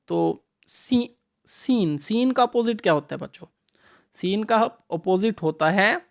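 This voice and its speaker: A woman teaching a revision English lesson to schoolchildren, asking questions and answering them herself, reading English lines out slowly, mixing Hindi with English words. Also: mid-range voice. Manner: reads English sentences out slowly.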